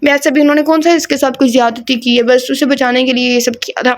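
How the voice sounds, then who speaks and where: A woman voicing a resigned older father who talks things through calmly, reading a novel aloud. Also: sits high, natural voice. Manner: reasoning, resigned.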